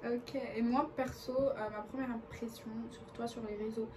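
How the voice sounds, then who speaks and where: A young woman with a fairly high voice chats and giggles through a casual couple Q&A, often cutting in over her partner. She sits some way from the mic, and a clear background hiss runs under her voice. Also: steady tone, moderate pace, far from the mic. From France. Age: young adult. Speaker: co-host. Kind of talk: casual chat.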